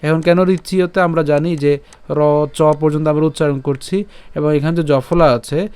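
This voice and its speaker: A man teaching Sanskrit verse pronunciation, breaking words into syllables, repeating them slowly and often asking whether listeners follow. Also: on the high side, steady tone, darkish tone, smooth, no echo. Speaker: Gita recitation teacher. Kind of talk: pronunciation lesson.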